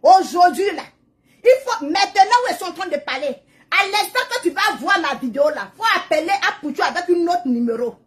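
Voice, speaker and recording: Very high-pitched, animated and brisk, this adult woman and mother addresses her followers in a live video. She talks emphatically and repetitively in a casual monologue that turns toward prayerful preaching.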